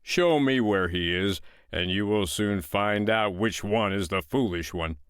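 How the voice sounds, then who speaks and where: A huge blustering giant, put on by a male storyteller, roars and growls his words slowly and boastfully. The voice sits a little higher and louder than the teller's own, with a different ring to it. It is a dry, close storybook voice. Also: clear, resonant tone, no room sound, lightly acted. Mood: roaring. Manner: roaring, growling, slow and boastful.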